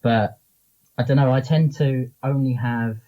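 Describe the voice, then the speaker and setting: A man who founded a comics charity and works as a publisher speaks as an interview guest, explaining things in a loose, rambling, informal way. His medium-pitched voice is steady, unhurried, and dark in tone, with the high frequencies cut off.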